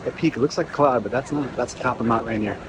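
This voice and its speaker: A man's voice: medium pitch, fast. A middle-aged man narrating a casual walking-tour vlog outdoors, enthusiastic and offhand about the details. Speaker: visitor filming a walking campus tour. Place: outdoors walking, some indoor stretches. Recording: outdoor urban noise, traffic ambience.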